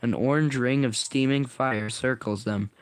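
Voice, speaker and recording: Man, reading his own story aloud, casual, stumbles and self-corrects, average pitch, dry close sound. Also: unhurried, clean tone, no room sound.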